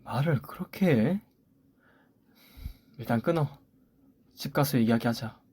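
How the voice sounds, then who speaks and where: A man's voice: mid-range voice, expressive, a little slow, a little mellow, slightly rough, dry recording. A man voicing a young husband who curtly reproaches his wife in defense of his mother, in a story radio drama. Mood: reproachful. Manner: curt, reproachful.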